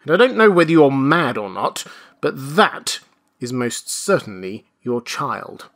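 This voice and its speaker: Storybook role: severe woman nurse played by a male narrator, insistent, indignant, raised pitch, deliberate pace. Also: huge pitch swings, fairly bright tone, exaggerated voice. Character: stern, scandalized female hospital nurse. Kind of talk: audiobook character voice.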